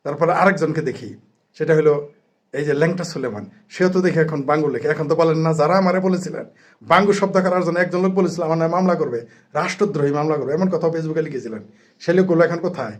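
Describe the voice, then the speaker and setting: A man rails against his opponents in a combative monologue. His voice sits a touch high, and his tone is mocking and sarcastic throughout. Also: fast. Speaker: political commentator. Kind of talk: angry political monologue.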